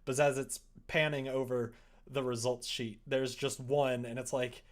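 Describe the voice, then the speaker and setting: A young adult man livestreams in a medium-pitched, level, unhurried voice. He chats casually and playfully, joking as he comments and reads aloud.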